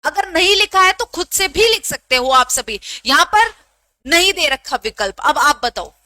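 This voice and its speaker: A woman with a very high, bright voice runs a live online exam-prep class, brisk and teasingly scolding as she repeats every question. The sound is close and dry, with no room around it. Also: sing-song, dry recording. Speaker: Hindi teacher.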